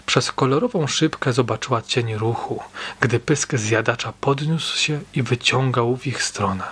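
Husky-voiced man narrating a story. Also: medium pitch, unhurried, a bit bright. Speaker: audiobook narrator.

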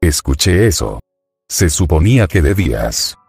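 A deep-voiced man reading as Jiraiya, a gruff older ninja. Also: big pitch swings, a little slow, dry recording, soft background music, heavily acted. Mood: grumbling. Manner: gruff, shouting back.

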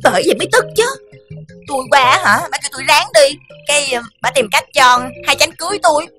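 A woman's voice: high voice, animated, quick pace, pushed and bright, faint music behind. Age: young adult. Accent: Southern Vietnamese. Figure: whiny, spoiled young woman. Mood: petulant. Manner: whiny, complaining. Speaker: daughter. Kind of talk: TV drama acting.

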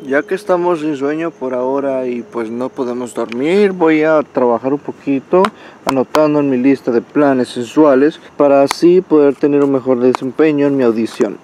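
A hoarse young man, vlogging outdoors on a city street with crude, playful outbursts. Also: medium pitch, normal speed, warm tone, a little hiss or hum. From Colombia. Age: young adult. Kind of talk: joking handheld vlog. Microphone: handheld camera at arm's length.

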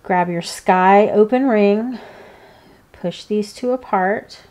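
Slow-paced woman giving craft instructions. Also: medium pitch, warm tone. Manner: unhurried, informal, with pauses between steps. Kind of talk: hands-on step-by-step instruction. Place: indoors, seated at a work table.

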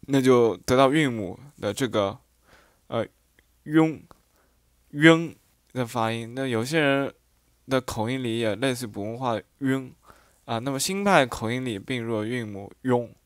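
A man's voice: mid-range voice, normal speed, no room sound, clean studio sound. A man teaching a phonetics lesson who reads example syllables aloud one by one and explains with frequent hesitant fillers. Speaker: dialect teacher.

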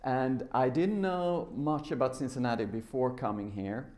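Speaking at normal speed in a mid-range, slightly mellow voice, a middle-aged man from Sweden gives a tech conference talk. The software developer keeps it informal and conversational, addressing a seated audience in a large lecture hall.

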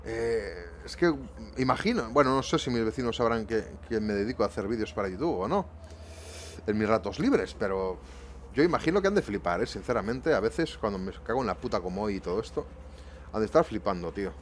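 A man's voice: lowish voice, expressive, brisk, a little hiss or hum. A man commentating his bus-driving gameplay live home, swearing often and grumbling to his viewers. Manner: swearing, exasperated, talking to viewers. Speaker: gaming YouTuber. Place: home room.

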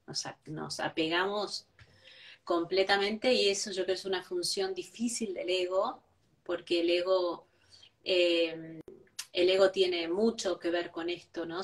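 A woman's voice: fairly low pitch, far from the mic. A woman, a guest giving reflective spiritual talk, who tags each point with a questioning "right?". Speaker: interview guest.

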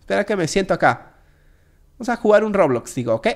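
A man giving jokey, excitable gameplay commentary straight to his viewers. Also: high voice, brisk. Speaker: gaming video creator.

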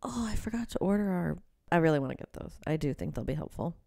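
Young woman, low-ish voice, giggly chatty podcast co-host, dry close mic. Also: lively intonation, fast, vocal fry, warm tone, dry recording. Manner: giggly, chatty, says "like" a lot. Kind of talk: casual chat. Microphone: new studio microphone, close.

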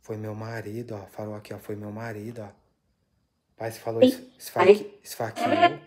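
A man hosting a ghost-hunting vlog from inside an abandoned house, asking questions aloud and dropping into hushed, awed murmurs between them. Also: lowish voice, sing-song, moderate pace, soft background music. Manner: anxious, awed. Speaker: paranormal investigator host.

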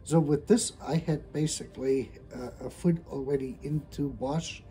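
A middle-aged man from Germany, talking casually and hesitantly about his engineering background, with frequent pauses and restarts. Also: fairly high pitch, steady tone, warm tone. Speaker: hardware engineer, channel host. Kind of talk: casual talk to camera.

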